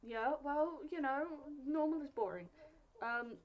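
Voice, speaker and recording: A woman's voice: sits high, lively intonation, measured pace, muffled recording. A young woman chatting casually as a podcast co-host, telling stories with playful self-deprecation. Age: young adult. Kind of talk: casual chat.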